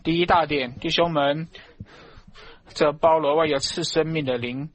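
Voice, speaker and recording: A man preaching a fervent sermon to a congregation, emphatic, and at times rising into loud shouts of praise. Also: a little high, fairly even intonation, measured pace.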